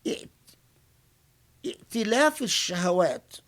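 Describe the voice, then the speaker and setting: Speaking in a high, expressive, slightly bright voice, a scholar offers unscripted Quran commentary. His reflective talk stops and restarts frequently, and he tends to recite brief Arabic phrases first, then explain them in English.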